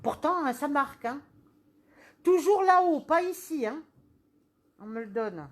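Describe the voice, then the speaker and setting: A woman medium giving a live reading, her voice sitting fairly high. She keeps asking questions and talks in an animated way, coming back again and again to the same phrases. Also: unhurried. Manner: animated, questioning, repeats "on me le donne".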